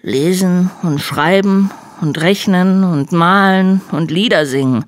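A woman's voice: lowish voice, slow, no room sound, clean studio sound, pitched above the performer's own voice. A woman doing a sensible young schoolboy. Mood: matter-of-fact. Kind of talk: storybook reading.

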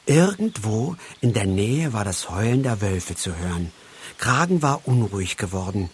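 A man narrating a storybook, reading aloud slowly and expressively. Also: on the low side, animated, darkish tone, slight background noise.

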